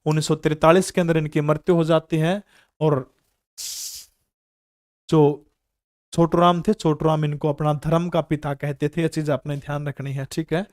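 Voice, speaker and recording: A man's voice: a little high, flat delivery, moderate pace, long pauses, darkish tone, no echo, studio quality. A man in his thirties with a Haryanvi accent, teaching an online general-knowledge exam class and quizzing students with rhetorical questions.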